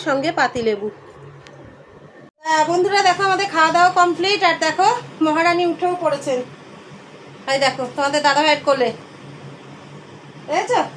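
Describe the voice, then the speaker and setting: A woman's voice: sits high, a bit bright, a little hiss or hum. A middle-aged woman chatting casually to her viewers in a home vlog, filmed on a phone camera indoors, cooing at her pet now and then. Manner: chatty, addresses viewers as friends, coos at pet. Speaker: vlogger.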